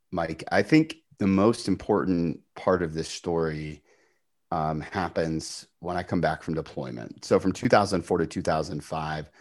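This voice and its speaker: A middle-aged man, a podcast guest, telling his faith story in an earnest, animated way with emphatic bursts. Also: low-pitched. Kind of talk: storytelling testimony.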